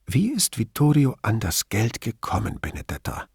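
A man voicing a calm investigator who gently questions a dying woman in a casual tone. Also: fairly low pitch, normal speed, creaky, breathy edge, dry recording, clean studio sound, full character voice. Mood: gentle, coaxing.

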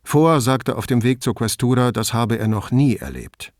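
A man narrating a novel as an audiobook reader, with an expressive, measured reading. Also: medium pitch, dry recording, studio quality. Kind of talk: scripted narration.

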